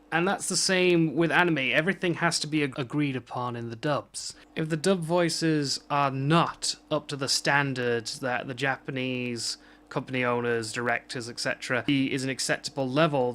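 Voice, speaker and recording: A man's voice: medium pitch, moderate pace, fairly bright tone. A man ranting off the cuff in a vlog, rambling and self-mocking with frequent restarts. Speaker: vlogger. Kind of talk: unscripted rant.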